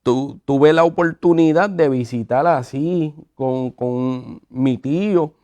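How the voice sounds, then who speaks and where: A man telling his conversion story in a conversational, animated way, acting out the quotes. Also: medium pitch, takes it slowly, highs cut off. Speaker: guest sharing his testimony. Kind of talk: conversational testimony.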